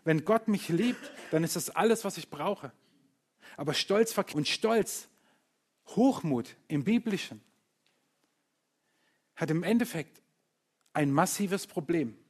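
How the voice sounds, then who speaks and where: A man preaching a sermon to a congregation, lively and playful, acting out other people's voices and joking with the listeners. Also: fairly high pitch, slow pace, pauses often. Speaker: pastor.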